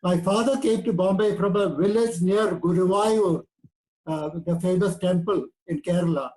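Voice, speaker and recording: A man's voice: high voice, a little mellow, low-quality recording. Elderly Indian man lecturing. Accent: Indian English. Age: 80s. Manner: measured, lecturing. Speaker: guest speaker. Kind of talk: prepared talk.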